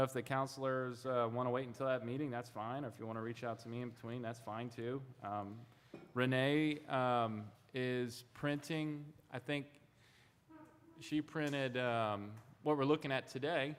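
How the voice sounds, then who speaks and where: A man's voice: medium pitch, moderate pace, clean tone. A man presenting a city budget in a tired, conversational way. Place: city council chamber. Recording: long reverb in council chamber.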